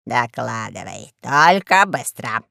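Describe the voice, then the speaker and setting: A performer voicing a fat, lazy alien overlord who speaks in a slow, low drawl, in an audiobook. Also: big pitch swings, vocal fry, sharp tone, dry recording, studio quality, exaggerated voice. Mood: lazy menace.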